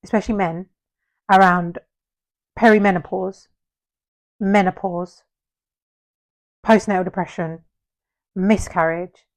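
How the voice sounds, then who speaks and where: A woman's voice: fairly low pitch, steady tone, takes it slowly, long pauses. A woman co-hosting a casual podcast, talking earnestly in long, explanatory run-on points. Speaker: podcast co-host. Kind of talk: casual chat.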